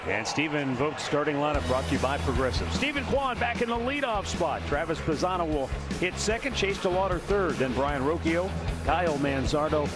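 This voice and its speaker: A man's voice: a little high, expressive, normal speed, over loud music. An American man working as a baseball announcer, delivering live play-by-play commentary on a broadcast.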